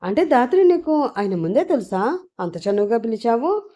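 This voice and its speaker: A woman's voice: fairly high pitch, very animated, normal speed, dark tone, pitched above the performer's own voice. A woman voicing a stern, jealous young man who scolds and mocks sarcastically, in an audiobook story. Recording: dull lo-fi recording.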